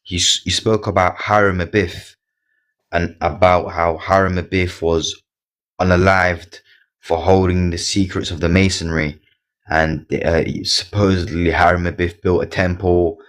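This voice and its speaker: On a live stream, a man with a very low, deep voice chats casually in a level tone. His speech is halting, full of repeated words and restarted sentences.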